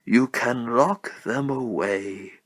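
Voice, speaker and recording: A man voicing a mad, theatrical clown villain in animated-series style, sardonic and gleefully menacing. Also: medium pitch, takes it slowly, dry recording. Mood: sinister coaxing. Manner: theatrical, sardonic, swooping from hushed to shrieking.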